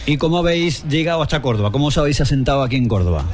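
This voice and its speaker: A man's voice: mid-range voice, lively intonation, racing, faint music behind. A man hosting a radio interview in a studio, asking chatty, upbeat questions. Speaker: radio host.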